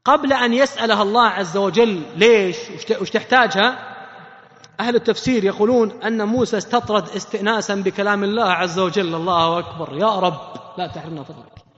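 A man preaching a sermon, animated and often questioning his audience. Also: sits high, fast, few pauses. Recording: echoey hall, muffled sound.

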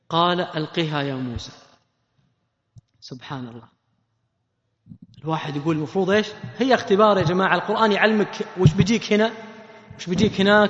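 A man delivers a sermon in an animated way, often putting questions to his listeners. His voice sits high, and it rings with a long echo in a roomy space. The sound is muffled and dull. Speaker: preacher. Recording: echoey hall, muffled sound.

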